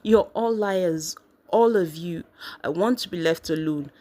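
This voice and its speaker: A woman voicing an upset teenage girl who speaks in shrill, tearful outbursts. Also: a little slow, mellow, lightly acted. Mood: furious crying.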